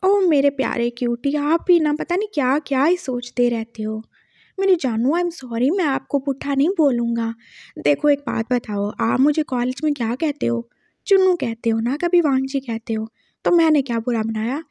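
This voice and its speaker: A woman voicing a caring, teasing young man who speaks in a gentle, coaxing way. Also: high-pitched, moderate pace, gravelly, no echo.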